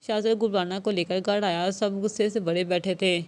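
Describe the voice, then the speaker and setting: A woman narrating a romance novel aloud, steady and measured, with a mid-range voice. Her pace is even and the delivery scripted. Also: mid-range voice. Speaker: novel reader.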